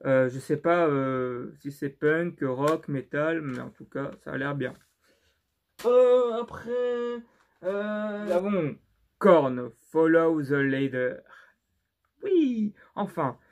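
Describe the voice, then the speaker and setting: A young man with a non-native French accent talks slowly and with hesitation, his voice sitting a little high for a man. He stops and restarts often and leans on fillers, keeping the tone of an unscripted vlog. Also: lively intonation. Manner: halting and unsure, many fillers and restarts. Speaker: YouTuber showing his CD collection. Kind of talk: casual vlog commentary.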